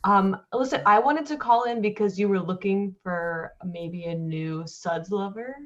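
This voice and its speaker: A woman's voice: mid-range voice, a little slow, close to an everyday voice. A woman improvising a brash, matter-of-fact caller in an online comedy show, lo-fi call audio. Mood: breezy. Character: brash woman caller, soap-making hustler.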